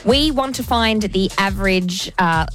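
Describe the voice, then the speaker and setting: A woman's voice: medium pitch, a little slow, fairly bright tone. A woman co-hosting a radio show, chatty, bubbly and enthusiastic, with music playing under her. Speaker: radio co-host. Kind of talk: breakroom-style radio banter.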